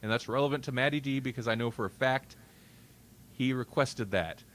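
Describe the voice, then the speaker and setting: A man hosting a casual podcast, live-streamed, rambles wryly and keeps interrupting himself as he banters. His medium-pitched voice is a little fast and fairly bright, with slight background noise.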